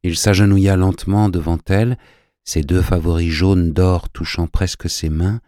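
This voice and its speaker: A man reads a novel aloud as narrator, measured and even. His voice is very deep, and the recording is dry and close with no room sound. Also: no echo. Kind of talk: audiobook narration.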